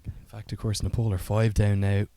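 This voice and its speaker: A man's voice: lowish voice, monotone, brisk, mellow, a little hiss or hum. A man giving live cricket commentary as a play-by-play commentator, with fluent, articulate broadcast delivery.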